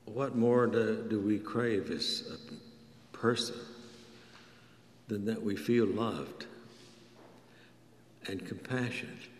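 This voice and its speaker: A man preaching a sermon, telling scripture stories and acting out the prayers and words of the people in them. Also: a little hiss or hum. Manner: slow, storytelling, acts out prayers and quotes with rising pitch. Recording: echoey hall with long reverb.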